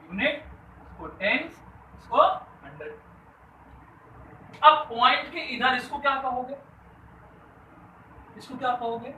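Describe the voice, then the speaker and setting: A man's voice: very high voice, lively intonation, takes it slowly, long pauses, bright, forceful tone. A man teaching a school math lesson, asking the class questions and answering them himself, mixing English math terms into his talk. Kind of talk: classroom lesson explaining to students. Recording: echoey room, voice a bit distant from the mic, faint background noise.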